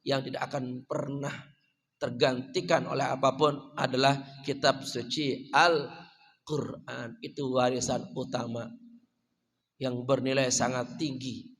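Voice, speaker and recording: A man with an Indonesian accent preaching a sermon in a mosque, questioning the congregation and swinging from loud emphatic lines to soft quiet phrases. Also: medium pitch, flat delivery, a little slow. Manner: addresses the congregation with questions, swelling then dropping to soft phrases. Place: mosque hall. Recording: long mosque reverb.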